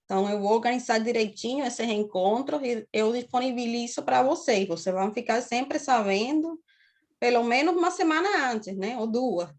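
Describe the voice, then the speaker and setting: A woman's voice: on the high side, normal speed. Cuban-accented woman lecturing in a class. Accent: Cuban Spanish. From Cuba. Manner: explanatory, often tags phrases with "né?". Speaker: university lecturer.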